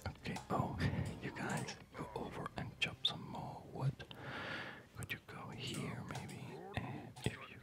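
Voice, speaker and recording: This is whispered ASMR game commentary from a man hosting a video. He sounds breathy and soft, unhurried, hesitant, and a bit rambling.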